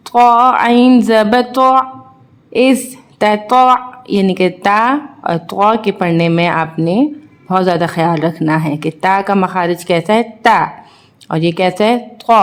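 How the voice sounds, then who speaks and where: Slow, careful woman teaching letter sounds. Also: medium pitch. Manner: spells out letters slowly, then explains rules quickly. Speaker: Quran reading teacher. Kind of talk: children's recitation lesson.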